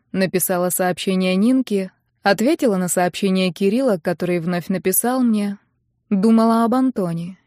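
Brief: female audiobook narrator, first-person novel, mid-pitched, dry close recording. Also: dark tone, no room sound.

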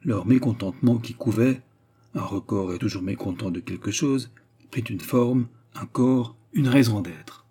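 A man narrates a classic novel for an audiobook, measured and steady in his telling. His voice is dark and mellow, with a husky grain, at a middle pitch.

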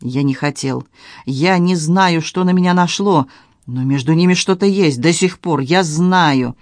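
A man reading the part of a guilty, shaken businessman in an audiobook, in a halting, pleading way. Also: on the high side, no room sound, clean studio sound, lightly acted.

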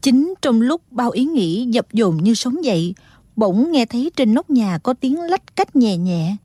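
A woman's voice: fairly high pitch, a little slow, breathy edge, no echo, studio quality. Woman narrating a wuxia audiobook. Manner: steady storytelling tone. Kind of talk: dramatic scripted narration.

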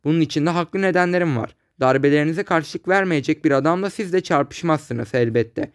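A man reading aloud, voicing a calm, self-assured young man who mocks his rival in a smooth, condescending way. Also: a little high, brisk, no echo, clean studio sound, close to an everyday voice. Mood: mocking.

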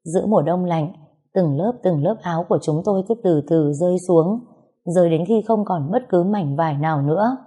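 A woman narrating a first-person audio story in a steady, even manner. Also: on the low side, brisk, slightly rough.

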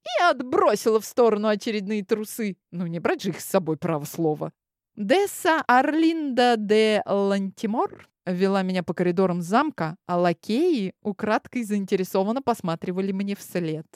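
Woman reading a story in first person, expressive, medium pitch, really dry close sound. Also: normal speed, no echo. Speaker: audiobook narrator.

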